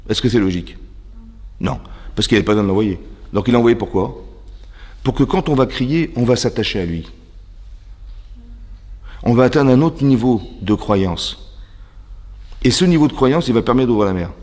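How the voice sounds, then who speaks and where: A man with a French accent giving a religious lesson to a women's class as a rabbi, animated and throwing rhetorical questions at his listeners. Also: medium pitch, moderate pace, long pauses, long reverb tail. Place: seminary classroom.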